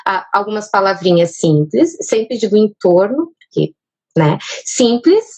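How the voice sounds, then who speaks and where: A woman's voice: mid-range voice, lively intonation, moderate pace, darkish tone. A woman explaining child speech development on a live stream, with a manner full of fillers. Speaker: speech therapist guest.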